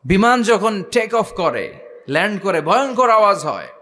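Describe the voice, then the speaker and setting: A man's voice: sits high, big pitch swings, pushed and bright, slight background noise. A man preaching a sermon to a gathering, calling questions out to the crowd and drawing answers back from it. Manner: rousing call-and-response with the crowd; chants Quranic verses slowly.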